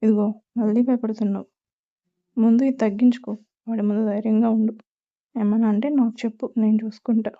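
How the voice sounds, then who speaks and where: A woman doing a gentle, motherly aunt. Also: fairly high pitch, level tone, brisk, pauses often, close to an everyday voice. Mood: reassuring. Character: caring middle-aged mother consoling her son's shy bride. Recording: tinny phone-like sound.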